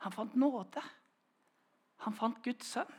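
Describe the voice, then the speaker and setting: A man preaching a sermon in a storytelling way, swinging between loud raised phrases and soft, hushed ones. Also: very high-pitched, husky.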